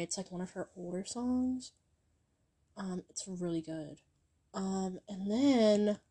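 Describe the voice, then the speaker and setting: A young woman with a medium-pitched, dark-toned voice chats casually on her channel about music. She recommends songs in a rambling, filler-heavy way, full of ums and likes.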